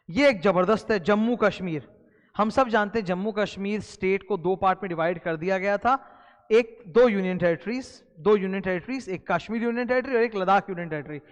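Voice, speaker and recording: A man's voice: high-pitched, in a large hall. A man with an Indian accent teaching exam candidates, explaining syllabus changes in a conversational way and repeating key points. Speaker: exam tutor. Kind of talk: recorded lecture explaining a syllabus.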